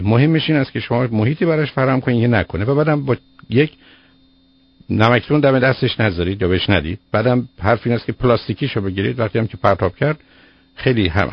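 Radio expert, male, low voice, firm and lecturing, dry lo-fi broadcast sound. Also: husky, no room sound. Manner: firm, lecturing, explains with everyday examples. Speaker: child psychologist answering a caller. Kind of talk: radio call-in advice.

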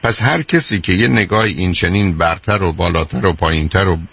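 Older man, gravelly husky advice host. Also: sits low, a bit bright. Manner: emphatic, repetitive, calls the caller dear. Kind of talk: call-in advice talk.

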